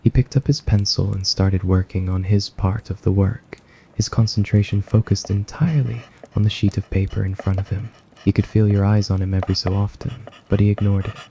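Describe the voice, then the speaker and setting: Here the same gravelly, low-voiced man reads an ASMR story softly from a script, husky and brisk, with little change in pitch. The lo-fi recording is slightly dull and carries a faint hiss or hum.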